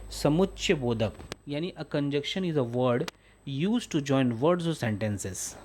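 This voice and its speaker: A man's voice: mid-range voice, a little mellow. A man teaching English grammar in a lesson, patiently reading out English definitions and explaining each one in Hindi.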